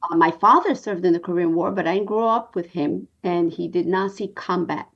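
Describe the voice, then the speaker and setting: A documentary producer in her sixties from New York tells her story in an interview, earnest and measured with many pauses. Her voice is on the low side, fairly bright with vocal fry, and the recording sounds muffled.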